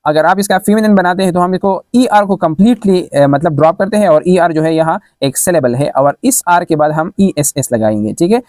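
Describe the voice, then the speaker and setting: Male grammar teacher, slightly high voice, dry close mic, spells words letter by letter with frequent fillers. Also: moderate pace, hardly any pauses, a little mellow, no room sound. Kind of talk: explaining a grammar lesson.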